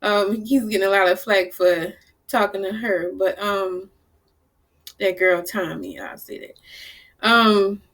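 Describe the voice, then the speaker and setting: A woman talking casually to camera, telling stories in a lively, blunt way and acting out the people she quotes. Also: medium pitch, slow pace. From New Orleans, US South. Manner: animated storyteller, acts out quoted people, blunt and salty. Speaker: vlogger.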